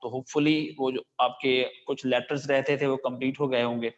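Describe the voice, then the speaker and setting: A man with a Pakistani accent, teaching an English lesson. He reads the English lines slowly, then explains each one in Urdu with plenty of fillers. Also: mid-range voice, little pitch movement. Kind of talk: line-by-line lesson translating a story into Urdu. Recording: dull lo-fi recording.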